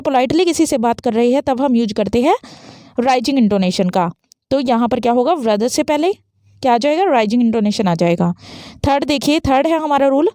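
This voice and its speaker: High-voiced woman teaching English intonation. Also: darkish tone, dry recording, clean studio sound. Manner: explains step by step, asks and answers her own questions. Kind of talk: fast-paced English grammar lesson.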